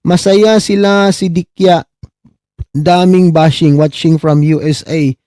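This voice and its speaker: A middle-aged man from the Philippines doing casual live-stream commentary, mocking his subjects, asking "di ba?" again and again and giving shout-outs to viewers. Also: fairly high pitch, fairly even intonation, slow, no echo, studio quality. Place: abroad, talking on a live stream.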